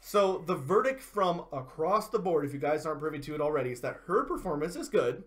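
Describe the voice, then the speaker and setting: A man with a slightly raised pitch talks loosely on a gaming livestream. He rambles through his points, full of fillers and little mocking quoted voices. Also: sing-song, a little fast, a bit bright. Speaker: co-host. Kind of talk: casual livestream chat.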